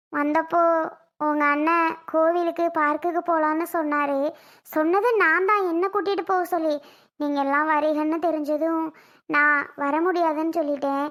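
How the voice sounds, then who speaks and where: A woman's voice: high voice, level tone, normal speed, pauses often, fairly bright tone. A woman voicing a tearful, apologetic young married woman. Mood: pleading. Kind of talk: family skit acting.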